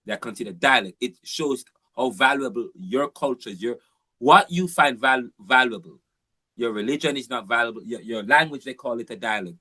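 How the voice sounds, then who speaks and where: Guy giving a lecture, mid-pitched voice, dry close sound, rambles and restarts a lot. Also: sharp tone, no room sound. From Jamaica. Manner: rambling, emphatic, with frequent restarts. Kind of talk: informal university lecture.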